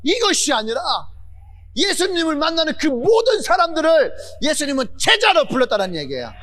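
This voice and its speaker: Male pastor, sermon; fervent, repetitive delivery, lively pitch swings. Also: fairly quick. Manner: fervent preaching with repeated phrases, building to shouts.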